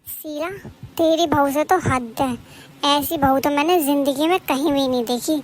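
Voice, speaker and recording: A woman's voice: high-pitched, moderate pace, close to an everyday voice. A woman voicing a gossiping middle-aged neighbor aunt in a cartoon, scolding and complaining. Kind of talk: animated cartoon voice acting.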